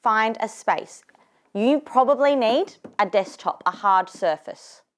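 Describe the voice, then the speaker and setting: Woman teacher, clear and patient, asks kids questions step by step. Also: fairly high pitch, animated, slow pace. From Australia. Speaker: primary school teacher. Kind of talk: classroom instruction and explanation.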